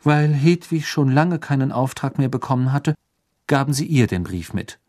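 Audiobook narrator reading a story, really lively up and down voice. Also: medium pitch, moderate pace.

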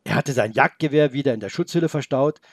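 A man narrating a children's story aloud in a gentle, expressive way. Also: mid-range voice, quick pace, dry recording, clean studio sound.

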